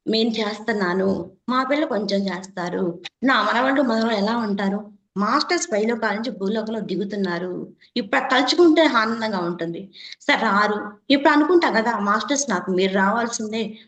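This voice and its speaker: A woman in her forties sharing an earnest personal testimony with a meditation class, stressing her points through repeated phrases. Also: on the high side. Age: 40s. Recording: roomy, dull lo-fi sound.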